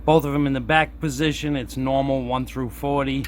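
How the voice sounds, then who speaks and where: A medium-pitched man speaking at a moderate pace demonstrates a radio he has modified, presenting the hobby project in a laid-back, hands-on way while reasoning out loud. He's indoors at a workbench, recorded by a nearby camera on a tripod, with steady background hiss and room sound.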